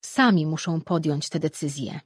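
Reader doing a cautious male god, firm, measured, husky. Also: mid-range voice, dry recording, clean studio sound, lightly acted. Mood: stern.

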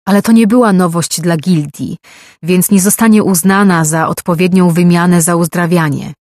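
An earnest young male envoy pleads and argues his case in an audiobook, as a reader puts him on. His voice sits a little higher than the narration. The sound is dry and close. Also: steady tone, normal speed, a little mellow, no echo, natural voice. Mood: measured. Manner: pleading, argumentative.

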